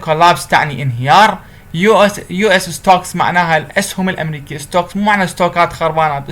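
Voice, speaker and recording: A man's voice: fairly high pitch, a bit bright. Man lecturing on interpreting. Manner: switches between slow deliberate English and quick Arabic explanation. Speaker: university translation lecturer. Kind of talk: recorded lecture.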